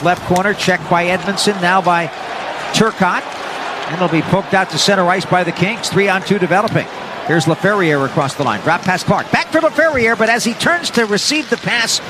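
Man, North American accent, high voice, hockey play-by-play announcer, energetic descriptive call, noisy arena background. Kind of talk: live sports play-by-play commentary.

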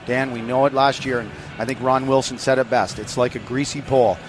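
A man's voice: mid-range voice, fairly even intonation, fairly quick, a little hiss or hum. A man giving pregame radio commentary as an analyst, emphatic and building his points with lists and repetition.

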